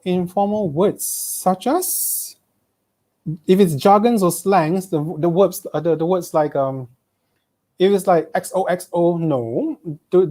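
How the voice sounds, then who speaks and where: Malaysian man, English teacher, fairly high voice, warm and mellow, exam-prep lesson, keeps asking "okay?". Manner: checks in with frequent "okay?", reads students' questions aloud.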